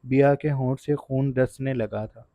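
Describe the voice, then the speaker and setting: A man narrating a romance novel aloud in a steady, earnest storytelling manner, in a dry, dull recording. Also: medium pitch, no room sound. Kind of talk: audiobook narration.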